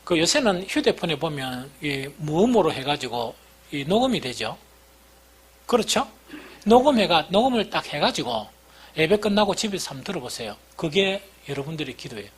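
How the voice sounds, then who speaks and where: A man's voice: on the high side, sing-song, normal speed, breathy edge. A middle-aged male pastor with a Gyeongsang dialect accent, preaching a sermon with folksy, self-deprecating stories.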